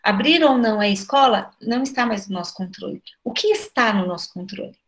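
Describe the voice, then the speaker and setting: A woman's voice: medium pitch, fairly quick. A Brazilian woman who runs a school, talking to a group of educators on a video call, full of rhetorical questions. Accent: Brazilian Portuguese. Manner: lively, asks many rhetorical questions, frequent "né?". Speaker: school director speaking at an online educators' meeting.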